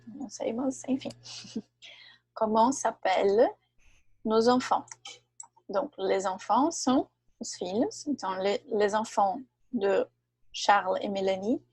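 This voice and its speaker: Woman, French teacher, husky voice, dry close sound. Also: medium pitch, darkish tone, dry recording. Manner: explains in Portuguese with French examples, corrects herself. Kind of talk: online language lesson.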